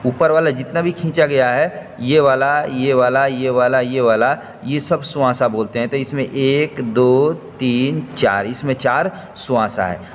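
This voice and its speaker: Slow patient male teacher, echoey room. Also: medium pitch. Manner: patient, repeats each point slowly. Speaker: Urdu writing teacher. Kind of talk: slow step-by-step lesson. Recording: faint noise, long hall reverb.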